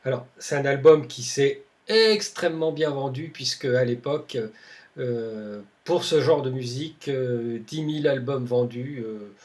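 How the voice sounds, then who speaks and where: A man's voice: medium pitch, a little slow, a little mellow. A man casually reviewing albums from his own collection, speaking with many fillers, restarts and little tag words. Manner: hesitant, many fillers and restarts, tags phrases with "hein". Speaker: music collector presenting albums.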